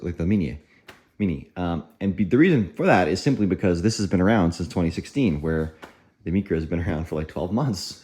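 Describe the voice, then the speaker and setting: Male host, 30s, very low pitch, deep groggy morning voice, rambling and self-deprecating delivery, filmed at home. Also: darkish tone. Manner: rambling, self-deprecating, lots of fillers and asides. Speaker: channel host reviewing home espresso machines. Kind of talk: casual rambling product review.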